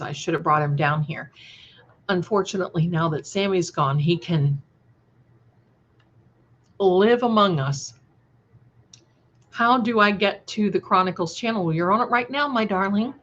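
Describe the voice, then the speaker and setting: Her voice lowish and a bit bright, a woman hosting her own channel's livestream speaks at a measured pace with long pauses. She responds to viewers in a rambling, conversational style brimming with affectionate endearments, over dull, lo-fi audio.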